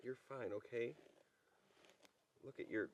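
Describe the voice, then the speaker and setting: A man vlogging casually from a wilderness campsite, chatting in a relaxed way and gently coaxing his dog. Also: mid-range voice, slow pace, slight background noise. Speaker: outdoor vlogger. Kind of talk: casual vlog narration.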